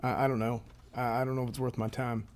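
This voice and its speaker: A man's voice: mid-range voice, level tone, fast talker, darkish tone, natural voice. A man playing a disappointed, weary losing candidate in an improvised game role-play, talking casually with resignation. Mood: disappointed, resigned.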